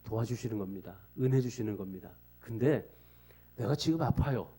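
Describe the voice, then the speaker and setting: A man's voice: mid-range voice, normal speed, warm tone. A male pastor delivering a Sunday sermon in an earnest, pleading way, repeating phrases and telling stories.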